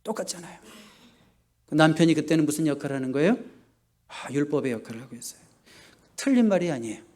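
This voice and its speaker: A male pastor preaching a sermon in an animated way, swinging from soft asides to loud emphasis. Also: fairly high pitch, fast.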